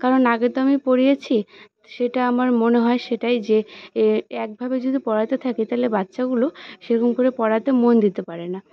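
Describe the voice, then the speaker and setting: A woman's voice: on the high side, steady tone, fairly quick. Chatty young woman narrating home chores. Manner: chatty, narrates her chores step by step to viewers. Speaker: home cooking vlogger. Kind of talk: casual chat to viewers. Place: home kitchen. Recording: dull lo-fi home recording.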